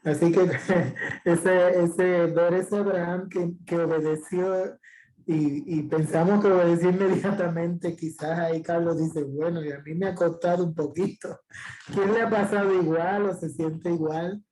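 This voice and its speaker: A woman's voice: on the low side, steady tone, measured pace, dark tone, a little hiss or hum, poor audio. A woman pastor leading a group Bible discussion, encouraging and giving frequent affirmations.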